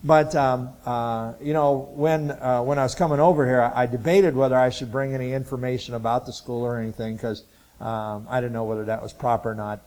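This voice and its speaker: Speaking to a church group, this Ohio man in his sixties, who teaches missions at a Bible college, shares his testimony casually. He has a medium-pitched, steady, slightly mellow voice, and he rambles and hesitates, filling gaps with lots of ums and similar sounds.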